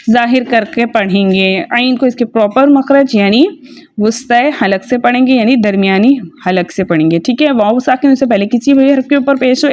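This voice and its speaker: A woman teaching Quran recitation rules patiently, step by step, spelling out syllables slowly. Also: fairly high pitch, a little mellow, no echo. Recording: slightly dull lo-fi recording.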